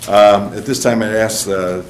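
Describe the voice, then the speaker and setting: Man, mayor under the weather, low voice, echoey chamber heard from a distance, noisy. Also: normal speed. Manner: relaxed, joking, clears throat. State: under the weather, cold medicine. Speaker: mayor presiding over a council meeting. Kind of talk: chairing a meeting. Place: council chamber. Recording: echoey room from far off with noise.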